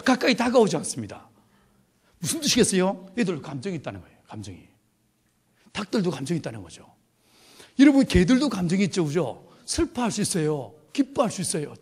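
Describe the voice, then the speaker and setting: A man's voice: high voice, very animated, a little fast, creaky, darkish tone, husky. A middle-aged man preaching a humorous sermon at a youth retreat, telling stories with playful laughter. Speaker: pastor.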